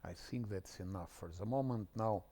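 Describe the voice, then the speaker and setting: A man from Ukraine with an Eastern European accent, giving casual commentary as he streams a game. He often mutters quietly to himself and restarts his sentences. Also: fairly low pitch, a little hiss or hum. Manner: mutters quietly while playing, halting restarts.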